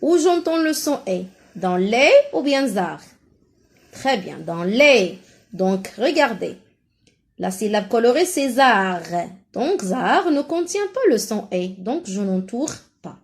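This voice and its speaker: This primary school teacher has a Moroccan French accent and is leading a first-grade phonics lesson. Her fairly high, very animated voice stretches syllables out slowly as she encourages her pupils.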